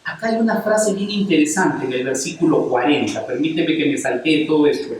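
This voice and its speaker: A man's voice: fairly high pitch, brisk, a little mellow, a little hiss or hum. A man preaching a passionate sermon to a congregation, firing rhetorical questions at them as he speaks. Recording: very echoey church hall, mic at a distance.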